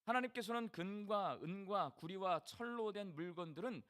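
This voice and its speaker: Folksy pastor guy, jeolla accent, fairly high voice that jumps all over, keeps asking the church questions. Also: lively intonation, normal speed, a bit bright. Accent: Jeolla Korean. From Jeolla region of Korea. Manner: folksy, asks the congregation questions. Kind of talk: sermon.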